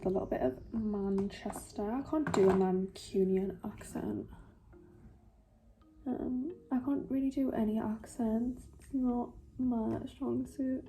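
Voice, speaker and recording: A young Geordie woman does her makeup for a beauty vlog, chatting in a rambling, self-mocking way. Her voice is fairly high and mellow.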